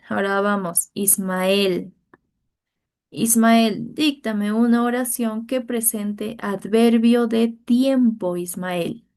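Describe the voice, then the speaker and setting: Patient teacher, a woman, slow and gravelly, calling on students in an online class. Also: medium pitch, a little mellow. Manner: patient, coaxing students by name.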